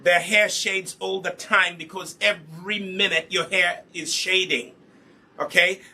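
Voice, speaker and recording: A Ugandan man who teaches hair care and makes his own products demonstrates patiently in a live online lesson, posing rhetorical questions and then answering them himself. His voice is high-pitched, pushed and bright, with a slight hiss or hum.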